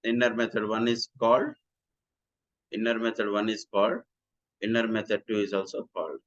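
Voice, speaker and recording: Brisk and lowish in voice, a programming instructor works through a recorded lecture one step at a time, frequently going back over the same lines. His explaining is steady and repetitive, and the audio is muffled.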